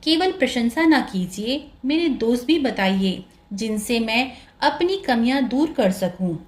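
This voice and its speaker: A woman's voice: fairly high pitch, animated, a little slow. A woman storyteller voicing a spirited young female celestial dancer who speaks forthrightly. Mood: polite. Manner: indignant, forthright. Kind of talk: storybook narration.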